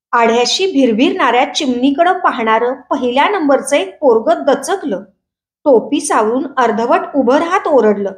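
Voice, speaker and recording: High-voiced woman reading a story. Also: roomy sound. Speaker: storyteller and channel host. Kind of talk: reading a short story aloud.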